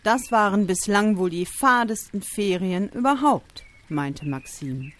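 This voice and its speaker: Slow expressive storybook narrator, woman. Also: mid-range voice. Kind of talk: storybook reading.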